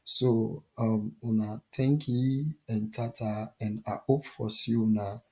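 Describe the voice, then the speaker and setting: A man's voice: fairly low pitch, steady tone, slow pace, dark tone. A man with a Sierra Leonean accent, teaching an informal online lesson in West African Krio-style pidgin English. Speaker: teacher and presenter of an online class.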